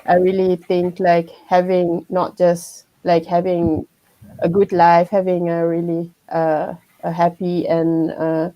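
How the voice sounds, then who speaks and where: A woman's voice: lowish voice, completely flat delivery, takes it slowly, no room sound, dull audio. A woman from Malaysia who has a young child, sharing her views in a casual group discussion, with many fillers and restarts. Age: adult with a child. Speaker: workshop participant.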